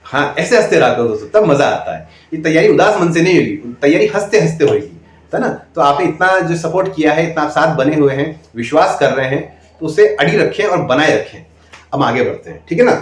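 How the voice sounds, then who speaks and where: Man, coaching talk, emphatic, repetitive, raised pitch, roomy echo. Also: lively intonation, fairly quick. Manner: emphatic, repeating "friends" and "okay?" often. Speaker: interview coach. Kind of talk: direct-to-camera coaching talk. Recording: echoey room.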